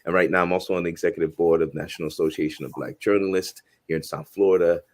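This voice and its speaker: A man in his forties, originally from Haiti, speaks in a very low voice. He talks earnestly and thoughtfully as an interview guest, often starting a phrase over before finishing it. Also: steady tone, quick pace. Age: 40s. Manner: earnest, reflective, frequent restarts. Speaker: guest filmmaker and professor. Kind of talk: casual interview conversation.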